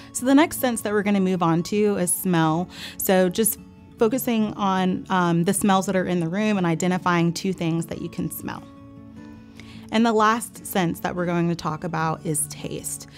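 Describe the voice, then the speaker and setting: A woman therapist calmly and gently explaining a calming exercise in an instructional way. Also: medium pitch. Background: background music.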